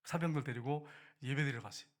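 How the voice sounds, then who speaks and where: A middle-aged man preaching a sermon, telling a personal army story with lively swings between soft asides and loud exclamations. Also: medium pitch, fast talker. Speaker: pastor.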